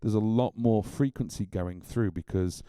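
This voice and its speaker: A man's voice: fairly low pitch, normal speed, warm tone, clear, resonant tone, dry recording. A British man, a musician, chatting casually as he explains and tests audio gear, leaning on fillers like "obviously". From United Kingdom. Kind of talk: casual gear review and demo. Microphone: studio microphone.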